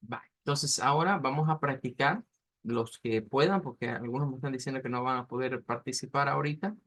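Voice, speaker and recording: A man teaching an online language class, explaining step by step and slowly modeling pronunciation. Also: mid-range voice, a bit bright.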